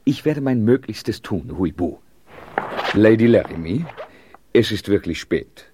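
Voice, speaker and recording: A man playing a calm, patient king in a radio play. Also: lowish voice, unhurried, a little hiss or hum. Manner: calm and patient, soothing a fretful companion. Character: weary, patient king of a castle.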